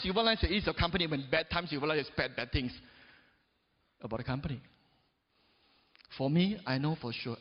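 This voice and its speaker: A man in his forties gives an emphatic motivational speech on stage, alternating between loud surges and low drops. He frequently turns to the crowd with "right?" and "yes or no?" The sound is dull, captured in a big, echoing hall.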